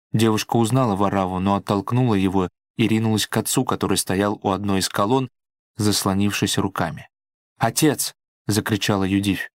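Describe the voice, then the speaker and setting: Male audiobook reader, low voice, dry sound, dramatic. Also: dry recording. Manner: measured, dramatic reading. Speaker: narrator. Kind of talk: audiobook narration.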